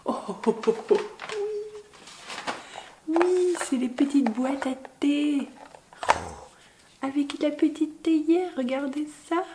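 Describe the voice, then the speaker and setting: A young woman vlogs in a relaxed, unhurried way as she opens presents, gushing over each one with lots of fillers and delighted exclamations. Her home recording carries a clear hiss of background noise behind her voice. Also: high-pitched. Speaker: book vlogger. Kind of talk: casual vlog, unboxing gifts.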